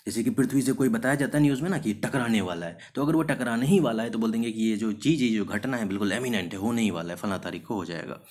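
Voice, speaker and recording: This English vocabulary teacher has a fairly low, slightly mellow voice and teaches in Hindi with English words blended in. He often asks rhetorical questions and answers them himself, and he slows down to spell and stress example sentences, classroom style.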